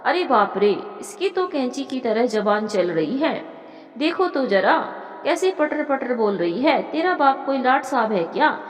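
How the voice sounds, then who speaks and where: A woman doing a shrill spiteful older mother-in-law. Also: very animated, unhurried. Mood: shrill scolding. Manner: shrieking taunts, then wailing to God. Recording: echoey room with long reverb.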